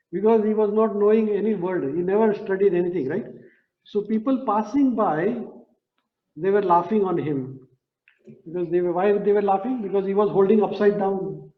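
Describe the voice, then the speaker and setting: A man whose first language is Gujarati gives a devotional talk with a story, speaking slowly, repeating phrases and asking his listeners questions. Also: sits high. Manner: slow, repeats phrases, asks the audience questions. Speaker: satsang speaker. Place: community hall. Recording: echoey room, dull lo-fi sound.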